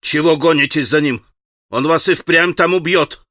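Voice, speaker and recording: A man's voice: on the high side, normal speed, dry recording, clean studio sound. A man voicing a stern scolding young man. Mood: angry. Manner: sharp, scolding. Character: stern, angry young man, cold and impatient.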